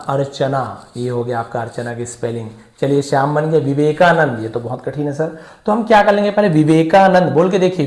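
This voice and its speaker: A male teacher explaining spelling step by step, patient and repetitive, voicing his students' questions himself. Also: on the high side. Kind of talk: classroom-style lesson. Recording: echoey room.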